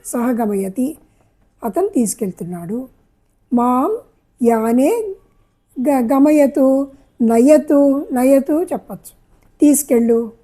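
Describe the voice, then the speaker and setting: A woman's voice: high voice, dark tone. A woman teaching a spoken Sanskrit lesson, repeating each phrase and patiently explaining what it means.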